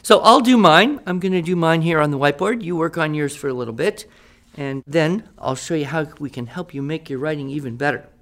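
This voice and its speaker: With a fairly high, slightly bright voice and a brisk pace, a man lightly acts the part of a patient writing teacher in a radio drama. He explains things one step at a time, checking that the class follows, in instructive, improvised-sounding lessons.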